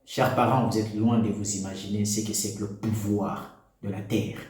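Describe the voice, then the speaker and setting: A Congolese man, whose first language is a Congolese national language, speaks to the camera in an echoey room, giving his opinions to parents. His voice is lowish and a little mellow, with a level tone and moderate pace. He sounds preachy and exhorting, full of rhetorical questions.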